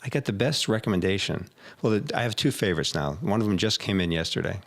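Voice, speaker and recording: Deep gravelly guy telling coaching stories, voice jumps all over, laughs a lot. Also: fast talker. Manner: animated storyteller, acts out clients' voices, laughs often. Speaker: executive coach, podcast host. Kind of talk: casual conversation.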